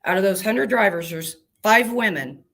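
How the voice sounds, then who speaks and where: A woman's voice: medium pitch, animated, normal speed, fairly bright tone. A woman truck driver talking as an interview guest, plainspoken and emphatic in a folksy, casual way.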